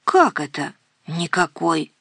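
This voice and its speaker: A woman's voice: on the low side, very animated, takes it slowly, vocal fry, a bit bright, slightly rough, dry recording, studio quality, exaggerated voice. A woman voicing a petulant, defiant young daughter in a storybook reading. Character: defiant sleepy teenage-to-young-adult daughter.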